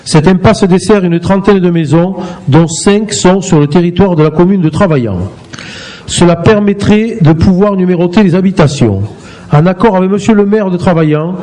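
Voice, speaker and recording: A man on a town council reading a formal motion aloud, in a steady and formal manner. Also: high voice, poor audio. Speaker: council member reporting a motion.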